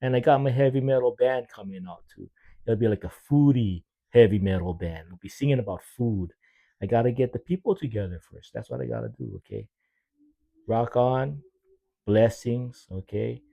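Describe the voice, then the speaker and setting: A man's voice: on the low side, creaky, warm tone, dry recording. Folksy chatty man in his sixties. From Hawaii. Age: 60s. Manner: folksy, chatty, talks straight to listeners. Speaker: chef and podcast host. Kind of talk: casual rambling monologue.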